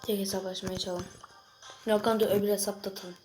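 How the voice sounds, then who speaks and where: A young girl chatting excitedly to viewers while she plays a mobile game, reacting loudly to each moment. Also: mid-range voice, a little fast, rough recording. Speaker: gaming video creator. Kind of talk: casual gameplay commentary. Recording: music playing behind the voice.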